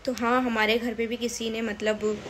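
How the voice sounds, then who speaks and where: Young woman vlogger, slightly high pitch, hesitant and upset delivery, faint ambience. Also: little pitch movement, normal speed, a bit bright, a little hiss or hum. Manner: hesitant, upset, full of fillers and restarts. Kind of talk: casual vlog talk to camera.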